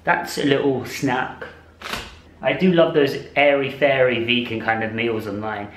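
A man's voice: mid-range voice, fairly even intonation, a little slow, a bit bright. A chatty, upbeat man talks casually to his viewers in a mid-range voice. His voice bounces around a roomy, echoey space. A faint hum of ambience sits behind him. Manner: chatty, enthusiastic, laughs often. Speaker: vlogger. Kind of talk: casual vlog chat.

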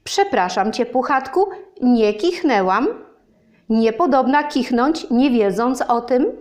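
A woman's voice: on the high side, lively intonation, slow. A woman voicing a pompous old owl who lectures with long words, in a children's storybook reading. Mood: correcting.

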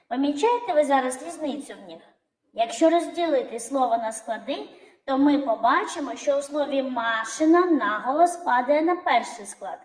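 A woman teaching young children, calling out words in a drawn-out sing-song way. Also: sits high, reverberant, poor audio. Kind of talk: children's lesson narration.

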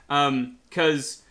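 A man's voice: fairly high pitch, pushed and bright. A man playing a video game, making sarcastic jokes to himself and swearing as he plays. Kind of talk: casual let's-play commentary.

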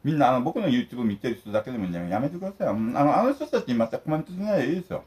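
Older guy ranting at the camera over lunch, really fired up, pitch jumping all over. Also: very animated, very fast, a little mellow. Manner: indignant, emphatic, lecturing the viewers. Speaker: vlogger. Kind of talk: ranting while eating lunch.

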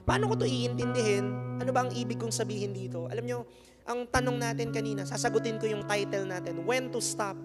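A Filipino pastor delivers an animated sermon, acting out the lines he quotes. His voice sits high, and it echoes through a hall with a long reverb. Guitar music plays steadily behind him. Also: fairly quick. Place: church sanctuary.

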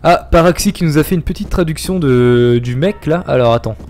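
A man's voice: fairly high pitch, a little fast, a little mellow, faint music behind. A young man chatting and joking as he streams a horror game, reading chat and yelping at scares. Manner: chatty, jokey, reacts with yelps and laughs. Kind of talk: live gameplay commentary.

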